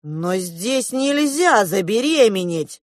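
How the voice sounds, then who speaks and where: A woman's voice: fairly high pitch, expressive, no room sound, studio quality, voice pushed up. A woman reading an audiobook, voicing an earnest eleven-year-old girl who asks questions insistently. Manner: insistent, presses questions slowly.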